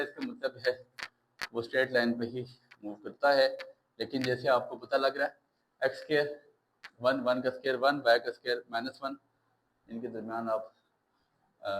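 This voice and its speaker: A man's voice: medium pitch, steady tone, normal speed, slight background noise, low-quality recording. A man with a Pakistani Urdu accent teaching a maths lesson, reassuring his students and mixing English maths terms into his explanations.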